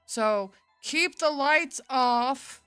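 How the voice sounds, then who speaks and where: A woman's voice: sits high, drawn-out words, a bit bright, smooth, no room sound, faint music behind, pitched above the performer's own voice, full character voice. A woman voicing a man on a handheld radio who urgently warns about zombies. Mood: urgent warning. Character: chatty radio man guiding survivors.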